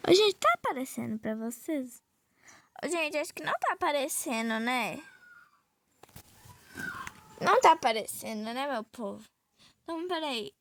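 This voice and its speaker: Her high, expressive voice moves at a moderate pace as she plays a phone game and talks to her audience nonstop. She's a young Brazilian gaming vlogger with a Brazilian Portuguese accent, recorded on a phone, chatting casually and addressing viewers often.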